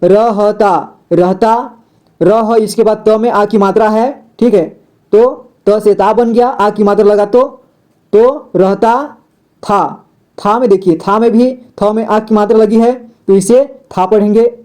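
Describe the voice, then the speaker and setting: A man's voice: sits high, steady tone, measured pace, a little mellow. A man teaching a step-by-step reading lesson, patient, repeating words and asking the viewer questions.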